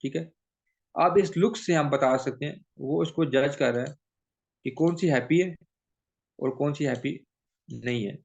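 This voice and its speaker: A man's voice: on the high side, measured pace, creaky, long pauses, a little mellow. A man teaching a training session, mixing English into his explanations and often checking with "theek hai?". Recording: dull lo-fi recording.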